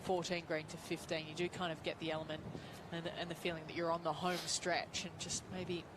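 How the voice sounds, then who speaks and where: A woman's voice: deep voice, flat delivery, brisk. A woman giving analytical live golf commentary as a broadcaster. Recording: clear outdoor background noise.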